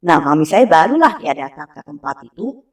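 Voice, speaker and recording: A woman in her thirties telling a personal story in a casual, animated way, acting out the voices of people she quotes. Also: low voice, moderate pace. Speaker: interview guest. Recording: voice slightly distant from mic.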